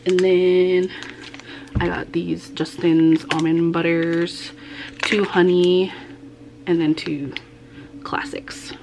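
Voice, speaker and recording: A young woman talking softly to a camera on her kitchen counter. Her voice drops close to a whisper as she shows each item. The talk is quick and casual. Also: on the low side, little pitch movement, background noise. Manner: quiet, half-whispered show-and-tell. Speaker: vlogger. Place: home kitchen, indoors.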